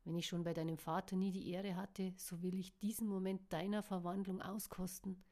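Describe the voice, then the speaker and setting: Lady reading a breathy creepy creature, slow and mocking, taunting its prey. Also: lowish voice, flat delivery, dark tone, lightly acted. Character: menacing hissing creature, night attacker.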